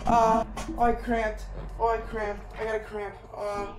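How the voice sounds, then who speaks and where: A young man playing a horror game, yelling out in terrified, high-pitched screams. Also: level tone, measured pace, noisy background. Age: young adult. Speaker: gamer, host of a horror game playthrough. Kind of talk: frightened gameplay commentary. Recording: music behind the voice.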